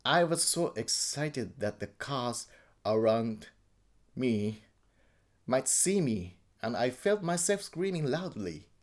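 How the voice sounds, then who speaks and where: In an interview, a man from Japan relates something personal in broken, accented English, repeating himself and correcting words along the way. His voice is medium-pitched and very animated.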